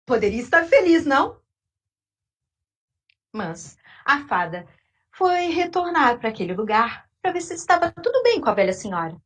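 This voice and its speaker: A Brazilian woman telling a children's story in an expressive, animated voice. Her pitch sits high and leaps around, with dramatic pauses for effect. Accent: Brazilian Portuguese.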